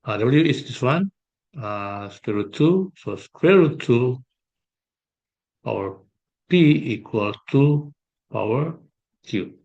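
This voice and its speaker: A man working through an exam problem as a math tutor, thinking aloud with pauses and fillers. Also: medium pitch, expressive, gravelly, lo-fi sound. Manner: slow, hesitant, thinking aloud while sketching. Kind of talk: exam solution walkthrough.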